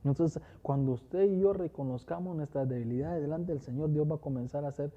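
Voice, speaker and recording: A man's voice: on the high side, fairly quick, warm tone, muffled recording. A man preaching a sermon as pastor, often calling listeners "hermano" and restarting his phrases. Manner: repeatedly addresses listeners as "hermano", with fillers and restarts.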